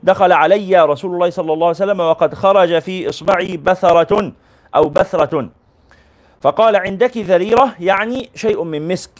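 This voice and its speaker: A man teaching as a sheikh, reading a classical religious text aloud and explaining it in colloquial asides. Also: sits high. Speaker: sheikh teaching a hadith book.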